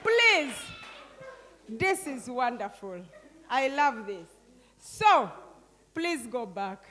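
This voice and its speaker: A woman's voice: on the high side, very animated, slow pace, a bit bright, slight background noise. An older woman leading a group workshop, coaxing and directing people with frequent questioning tags. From Uganda. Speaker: workshop facilitator. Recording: long hall reverb.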